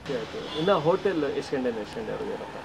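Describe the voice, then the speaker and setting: Brief: male food vlogger host, Kannada accent, eager interviewer, lively up-and-down pitch, gravelly edge, loud crowd behind. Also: racing. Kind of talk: casual interview. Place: small roadside restaurant.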